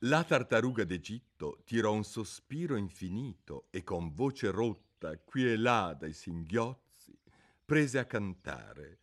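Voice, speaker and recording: A man narrating a children's storybook in an expressive, unhurried way. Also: on the low side. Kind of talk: audiobook narration.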